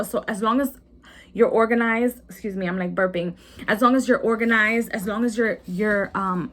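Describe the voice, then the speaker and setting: A young woman giving a casual weekly tarot reading, rambling and repeating herself with many ums and restarts. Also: mid-range voice. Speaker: tarot reader.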